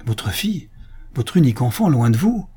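A devoted young Corsican lover, as a man voices him in an audiobook tale. He speaks earnestly and pleadingly, with a proud streak. The tone is mellow and slightly husky. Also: mid-range voice, big pitch swings, normal speed, pitched above the performer's own voice. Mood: startled.

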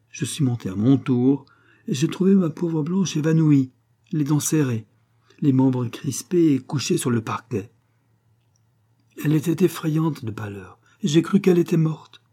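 A man's voice: mid-range voice, expressive, moderate pace, mellow, husky, voice pushed up. A man voicing a grieving noble mother, a marquise, who pleads with emotion, rising to cries. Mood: anxious telling.

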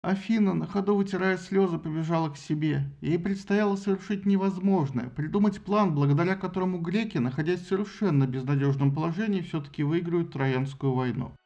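A man narrating an audiobook in an expressive, ironic storytelling manner. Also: high voice, a little fast, few pauses, lo-fi sound.

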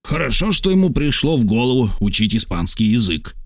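A man voicing a calm, dryly ironic military major in an audiobook. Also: mid-range voice, fairly quick, no room sound, studio quality. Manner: calm, teasing. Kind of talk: audiobook character voice.

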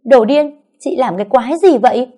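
A woman's voice: on the low side, animated, brisk, slightly rough. A woman voicing an angry young mother who snaps sharply at another woman. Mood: furious. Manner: sharp, shouting. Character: angry young mother defending her daughter.

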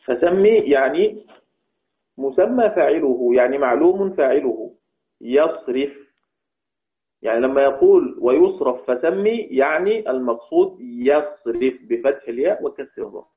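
A man teaching Quranic readings in a lecture, asking his students questions and answering them himself, slowing down to recite verse lines. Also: medium pitch, expressive. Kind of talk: classroom lecture. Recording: tinny phone-like recording.

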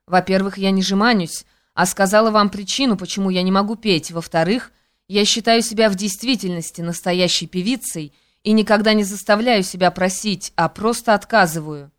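A woman's voice: mid-range voice, normal speed, lightly acted. A woman reading an audiobook, voicing a proud, fiery young woman singer who speaks in a cutting way. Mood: cold, indignant.

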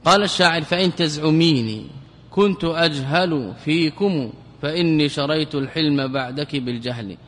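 A man with a fairly high voice teaches classical grammar like a sheikh. He drills each term by saying it again and again, and he puts questions to his class and answers them himself. His voice rings with a long reverb, as in a large hall. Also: normal speed, fairly bright tone. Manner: repeats key terms, asks and answers his own questions. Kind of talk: classical Arabic grammar lesson.

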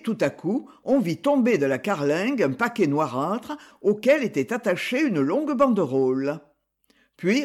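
A man reading a historical story aloud as scripted narration, giving the dialogue expressive voices. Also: high-pitched, husky. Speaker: audiobook narrator.

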